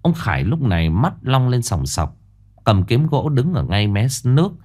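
A man narrating a ghost story in an expressive, dramatic storytelling manner. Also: medium pitch, normal speed.

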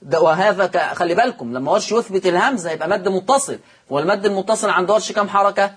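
A man with an Egyptian accent teaching Quran recitation rules, patiently explaining and repeating words slowly for emphasis. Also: high voice, a bit bright, slightly rough. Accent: Egyptian Arabic. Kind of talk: televised religious lesson.

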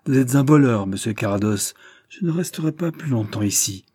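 A man's voice: mid-range voice, animated, moderate pace, warm tone, slightly rough, no room sound, studio quality. A man voicing a proud, guarded young man who answers in a clipped, defensive way, in an audiobook reading. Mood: agitated. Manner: clipped and defensive, flaring into agitation. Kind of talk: audiobook character voice.

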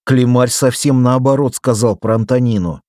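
A man's voice: mid-range voice, steady tone, normal speed, darkish tone, dry recording, clean studio sound, voice pushed up, lightly acted. A man voicing a brash young male sailor who lisps through a bloody, runny nose. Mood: puzzled. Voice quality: lisping.

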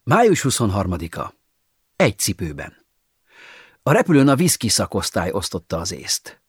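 A man's voice: lowish voice, wildly swooping pitch, slightly rough, no echo, clean studio sound. A man narrating an audiobook in a wry, ironic storytelling manner, with sighing asides.

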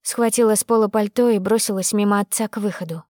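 Brisk woman narrating a novel. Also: medium pitch, steady tone, warm tone, dry recording, studio quality. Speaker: audiobook narrator. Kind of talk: first-person novel narration.

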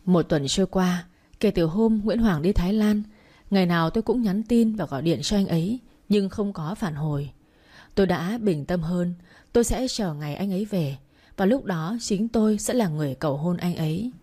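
A woman, reading a first-person story in a soft, emotional way. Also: lowish voice, normal speed. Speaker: audiobook narrator.

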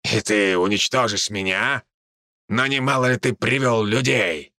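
Brief: mocking raven-druid, gravelly and crisp, drawling taunts, a male narrator's put-on voice, audiobook. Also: lowish voice, bright, forceful tone, dry recording, studio quality. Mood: scornful. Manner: slow, scornful, taunting.

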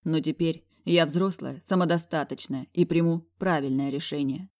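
A woman reading a first-person audiobook in a wry, lively storytelling manner. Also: low voice, normal speed, no echo, studio quality. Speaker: audiobook narrator.

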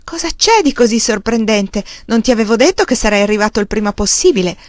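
A woman's voice: fairly high pitch, expressive, quick pace, no echo, lightly acted. A jovial pioneer husband back from the storm, read by a woman narrator. He teases in an easy, good-humoured way. The recording is dry and close. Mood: jovial teasing. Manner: jovial, teasing. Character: cheerful grown pioneer husband back home.

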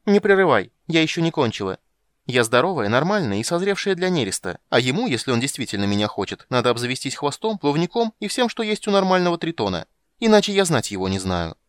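A man voicing a vain, shrill female sea siren who talks in a sing-song, indignant way. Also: very animated, fast talker, clean tone, dry recording. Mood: haughty demanding.

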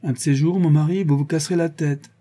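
A composed young widow with a dry, level manner, as a male reader puts her on. Her voice sits higher than the reader's own, with a dark, husky grain underneath. It comes from a storybook reading. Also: steady tone, fast talker. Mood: exasperated. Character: widowed young bourgeois wife, cool and composed.

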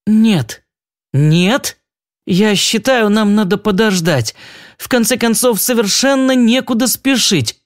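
A man voicing a cautious young woman who answers in a hesitant, measured way. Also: sits high, pitched above the performer's own voice.

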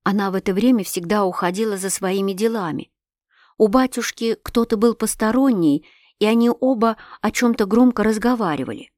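A woman narrating a novel aloud, telling it with rising feeling. Her voice sits at an ordinary pitch. The sound is dry and close to the mic. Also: fairly quick, no echo. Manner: expressive, emotional storytelling. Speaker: audiobook reader. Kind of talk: scripted narration of a classic novel.

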